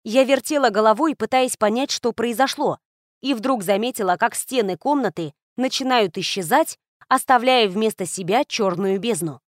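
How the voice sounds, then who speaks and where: A woman reads a first-person fantasy novel aloud. Her voice sits slightly high and moves at a steady storytelling pace. The sound is dry and close, with no room echo. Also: moderate pace. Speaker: audiobook narrator. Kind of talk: scripted first-person narration.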